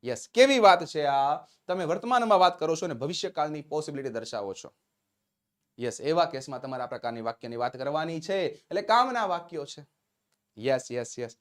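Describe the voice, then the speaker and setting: A man with a Gujarati accent teaching spoken English in a live-streamed lesson, upbeat and encouraging, slowly drawing out English phrases as he dictates them. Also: a little high, expressive. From Gujarat, India.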